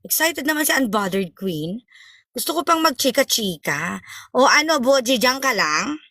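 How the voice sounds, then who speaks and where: A woman's voice: fairly high pitch, big pitch swings, moderate pace, bright, forceful tone, no room sound, studio quality. A young woman hosting a live stream, chatting playfully and teasing viewers, mixing in English phrases. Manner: playful, teasing, switches between Tagalog and English.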